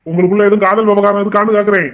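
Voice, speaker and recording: A man's voice: high voice, flat delivery, very fast, lo-fi sound. A man voicing a bossy, hot-tempered adult brother who scolds and threatens, in a cartoon. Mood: scolding. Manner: scolding, rude, shouting.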